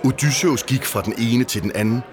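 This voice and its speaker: A man narrating a storybook in a calm, steady way. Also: mid-range voice, a crowd in the background.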